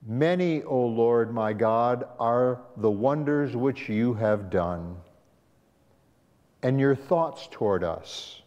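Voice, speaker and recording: A pastor with a medium-pitched, darkish voice talks through a Sabbath school lesson in a church sanctuary, keeping it conversational and asking the class questions. The audio is a dull, echoey church hall recording.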